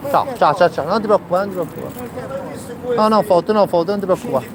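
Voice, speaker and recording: A man's voice: high-pitched, quick pace, a crowd in the background. A man in his thirties with a Neapolitan accent chatting casually on a live street video, reassuring and repeating short phrases. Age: 30s. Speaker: charity volunteer hosting a live street video. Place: outdoor city street. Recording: noisy outdoor city street with traffic.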